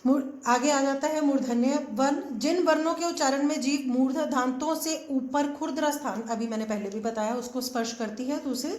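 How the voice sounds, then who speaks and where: A woman's voice: high voice, moderate pace, few pauses, a little mellow, roomy sound. A woman teaching a grammar lesson, patiently sounding out letters one at a time and slipping English words into her explanations. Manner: mixes English words into Hindi. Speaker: Hindi teacher. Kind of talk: classroom-style grammar lesson.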